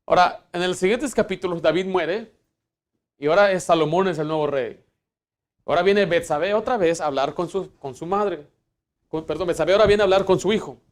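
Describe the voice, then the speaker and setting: A man's voice: high voice, a little fast. Preaching man with a raised voice. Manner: emphatic preaching, rising for Bible quotes and dropping to hushed asides; fillers and restarts. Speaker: pastor. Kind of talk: sermon. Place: church.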